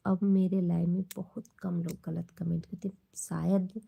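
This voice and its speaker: A woman's voice: on the low side, level tone, moderate pace, gravelly, dark tone, husky. A woman with an Awadhi-tinged Hindi accent, chatting casually on her livestream and bluntly scolding rude commenters. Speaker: livestream host. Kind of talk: casual livestream chat with viewers.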